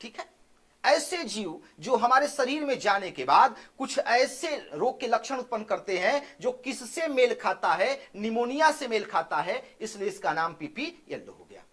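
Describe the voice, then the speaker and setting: A male teacher giving an exam-prep biology lecture. He asks questions and answers them himself, repeats key terms slowly, and keeps checking in with "theek hai". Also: extremely high pitch, sing-song, a bit bright. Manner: drills by asking and answering his own questions.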